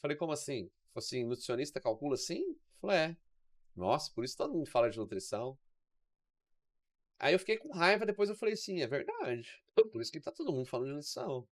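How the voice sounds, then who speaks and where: A man with a Mineiro accent tells stories in a casual podcast chat, acting out each person's lines. His voice sits a little high and moves lively up and down, recorded close and dry with no room sound. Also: fast, no room sound. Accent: Mineiro Brazilian Portuguese. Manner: storytelling with acted-out quoted dialogue. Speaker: exercise science guest.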